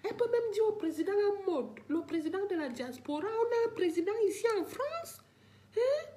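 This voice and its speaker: Talking straight to the viewers of her live stream, an older woman rants with emotion, begging and saying the same things again and again. She has a very high, sing-song voice with a dark tone, delivered at a normal speed.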